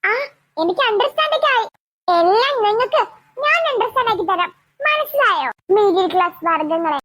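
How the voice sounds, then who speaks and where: A woman's voice: extremely high pitch, expressive, moderate pace, a bit bright, no room sound. Woman voicing a haughty rich cartoon girl. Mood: taunting. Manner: mocking, mixes in English phrases. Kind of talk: cartoon voice acting.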